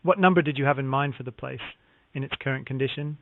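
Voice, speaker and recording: Over a tinny, narrow phone line, a male real estate agent talks at a quick pace in a mid-range voice, the recording dry. His polite delivery follows a sales-call script with stock acknowledgements.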